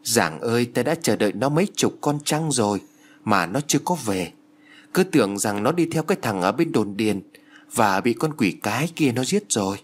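A man's voice: medium pitch, animated, moderate pace, lightly acted. A man voicing a grieving village mother who cries out for her lost daughter. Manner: cries out, pleading and overjoyed.

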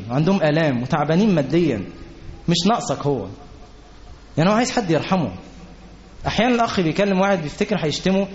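A man with an Egyptian Arabic accent giving a colloquial sermon, talking in a quick, conversational way and acting out quotes of people and scripture. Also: on the high side, darkish tone, a little hiss or hum. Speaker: preacher. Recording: dull lo-fi recording.

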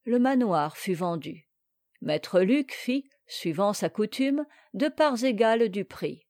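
Slow, measured woman storyteller. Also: mid-range voice, expressive, darkish tone, no echo, clean studio sound. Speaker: audiobook narrator. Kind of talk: storybook reading.

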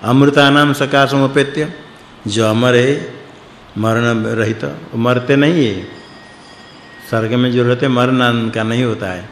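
A man's voice: medium pitch, steady tone, slow pace. A man teaching a scripture lesson, explaining it word by word and putting questions to his class. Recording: echoey hall with faint background noise.

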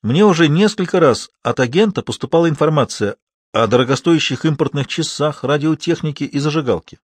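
A man's voice: fairly high pitch, animated, brisk, slightly rough, dry recording, pitched above the performer's own voice. A man voicing a tired police investigator who reports his case plainly. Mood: weary. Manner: weary, matter-of-fact.

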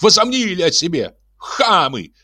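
A man voicing an excitable, boastful middle-aged male locksmith who blusters and shouts. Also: normal speed, no echo, studio quality. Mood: shrill outrage. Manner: shrill, blustering, ironic.

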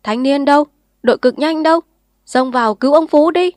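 A woman voicing a bossy old village man who yells orders in alarm at a fire. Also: sits high, fairly quick, no room sound, clean studio sound, pitched above the performer's own voice, natural voice. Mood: frantic shouting. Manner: yelling in alarm.

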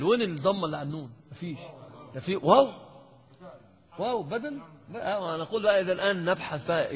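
A man gives a grammar lesson in a lecture hall, his voice bright and a little husky. He keeps quizzing the class and teasing the students. The recording is lo-fi, with a long reverb tail from the hall. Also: fairly high pitch. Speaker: sheikh teaching Arabic grammar.

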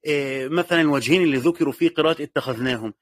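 A man with an Egyptian accent delivers a quick-paced classroom lesson, his voice sitting a little high for a man. He works through each point aloud, repeating key phrases and asking himself questions before answering them. The sound is dry and close, with little room to it. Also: no echo. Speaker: teacher of Quranic exegesis.

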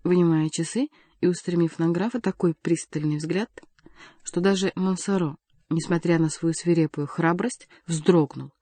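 A woman reading a classic novel aloud as an audiobook narrator, at a measured pace. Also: on the low side, warm tone, no echo. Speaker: audiobook reader. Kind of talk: scripted narration.

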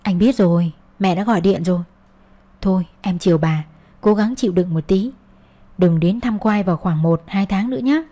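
A woman's voice: medium pitch, normal speed, mellow, natural voice. A woman voicing an irritated, dismissive young husband in an audio story, in a voice close to her own. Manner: cold, dismissive.

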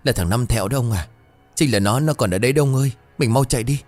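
A man's voice: medium pitch, quick pace, darkish tone, faint music behind, voice pushed up, natural voice. A man voicing a frightened young male servant who stammers and pleads in panic. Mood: terrified pleading.

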